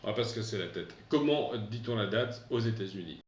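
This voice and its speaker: Middle-aged male teacher, lowish voice, halting delivery, roomy distant dull recording. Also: expressive, slight background noise. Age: 50s. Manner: hesitant, repeats words for pupils to echo. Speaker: English teacher. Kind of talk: remote classroom lesson.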